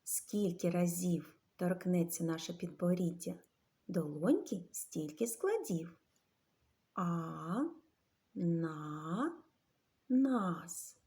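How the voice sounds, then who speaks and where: Sounding out each word syllable by syllable, a teacher walks young children through reading practice. She speaks slowly, and her voice bounces up and down with animated energy.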